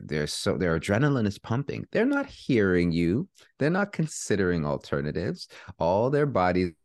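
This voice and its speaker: A man with an extremely deep voice talks through parenting ideas as an interview guest. His delivery is calm and measured, recorded close and dry with no room sound. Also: dry recording. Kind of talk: interview answers.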